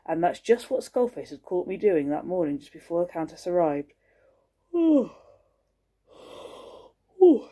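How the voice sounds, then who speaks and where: A woman teacher with a fairly low-pitched voice reads a storybook aloud to children. She is expressive and pauses to show the pictures.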